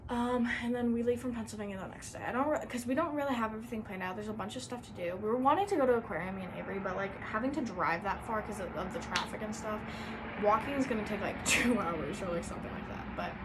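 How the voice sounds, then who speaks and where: A young woman chats casually for her vlog, rambling along and sprinkling in plenty of "like" and "um." Her voice sits in the middle range, she talks quickly, and there's noise behind her.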